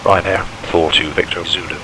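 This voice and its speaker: Deep male pilot, procedural radio callouts, heavy engine noise underneath. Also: level tone, moderate pace. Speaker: streamer acting as airline pilot. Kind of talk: pilot radio calls and readbacks. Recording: loud cockpit engine noise.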